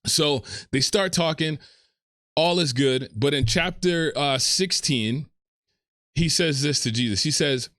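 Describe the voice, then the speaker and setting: A man's voice: fairly high pitch, slow pace, fairly bright tone, no echo, studio quality. Casual slangy man retelling scripture. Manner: casual and slangy, with frequent repeats and fillers. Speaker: speaker retelling a Bible story. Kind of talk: casual storytelling sermon.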